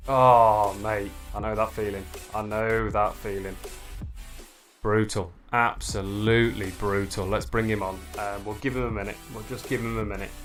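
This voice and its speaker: A man with a lowish voice commentates a virtual bike race on a livestream. He talks casually to his viewers and the riders. Soft music plays behind him. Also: normal speed. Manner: excitable, shouts at the finish, chatty with viewers.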